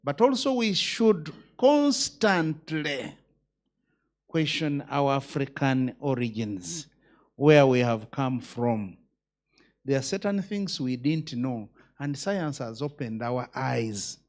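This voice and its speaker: A man's voice: medium pitch, lively intonation, slow pace. A man, a judge giving a speech at a conference, emphatic and full of rhetorical questions.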